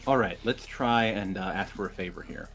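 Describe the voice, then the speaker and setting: A man's voice: on the low side, normal speed. A man playing a tabletop game, thinking aloud with some hesitation. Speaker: player. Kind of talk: casual tabletop game play.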